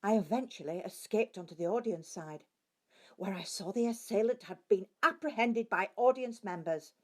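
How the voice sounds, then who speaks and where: A woman's voice: medium pitch, normal speed, close to an everyday voice. A woman playing a theatrical pantomime actress recounting events in an amateur courtroom audio drama. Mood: dramatic.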